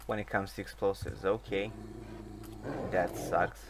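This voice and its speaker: A man's voice: deep voice, fairly even intonation, a little slow. A man chats wryly over his own gameplay, poking fun at his mistakes in a mid-range voice. Noisy game sound plays behind him. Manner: wry, self-mocking. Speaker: gaming YouTuber. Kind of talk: casual gameplay commentary.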